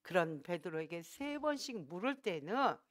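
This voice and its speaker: A woman pastor preaching a sermon, asking the congregation questions and acting out quoted lines with dramatic swings in loudness. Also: on the low side, very animated, moderate pace.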